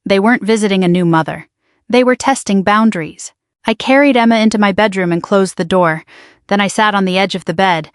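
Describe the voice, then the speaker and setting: Female narrator for a dramatic first-person story, measured delivery, dry close sound. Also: mid-range voice, smooth, no room sound.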